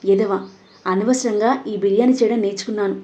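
A woman's voice: medium pitch, steady tone, a little fast, mellow, natural voice. A woman reading as a grumbling joker of a friend. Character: joking young man, grumbling best friend. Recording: dull lo-fi audio.

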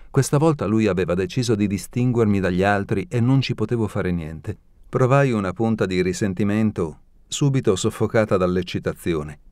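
A man narrating an audiobook in a steady, measured reading voice, close to the mic. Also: on the low side, dry recording.

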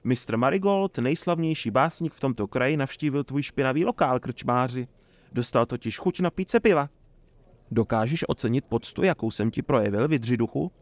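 A man's voice: medium pitch, lively intonation, no echo, natural voice. A man voicing a flamboyant, boastful male troubadour who teases and shows off, in a theatrical manner. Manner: showy, mocking, theatrical.

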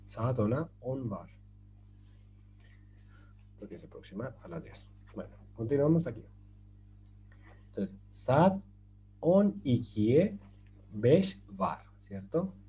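Slow, mellow-voiced male language teacher. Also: mid-range voice, slight background noise. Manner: explains patiently, repeats example phrases slowly; asks rhetorical questions to the class. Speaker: Turkish teacher. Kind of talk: slide-based language lesson.

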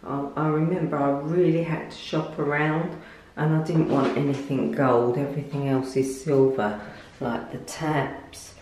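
An older woman chats slowly through a tour of her bathroom, wandering off into little asides with fillers and restarts. Her voice rings off the hard tiled walls, caught on a handheld phone. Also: low voice, steady tone, darkish tone, a little hiss or hum. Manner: chatty, rambling with fillers and restarts. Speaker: lifestyle vlogger. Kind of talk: casual home tour chat. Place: small tiled bathroom at home. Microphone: phone camera held by speaker. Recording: echoey tiled room.

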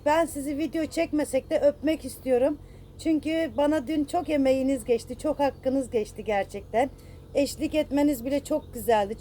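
Upset high-voiced woman vlogger. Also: warm tone, a little hiss or hum. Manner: upset, rambling, self-reproaching, many fillers; affectionate toward viewers. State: distressed. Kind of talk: casual vlog apology to viewers.

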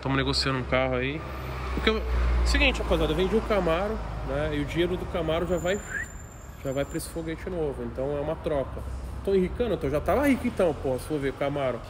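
A man's voice: fairly high pitch, expressive, fast talker. A man hosting a casual vlog, slangy and joking, calling people "pai". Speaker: vlogger host. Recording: busy crowd noise around.

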